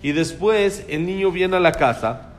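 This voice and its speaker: A man's voice: high-pitched, expressive, measured pace, a little hiss or hum. A man teaching a religious class on raising children, speaking emphatically and putting questions to his listeners. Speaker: Torah teacher.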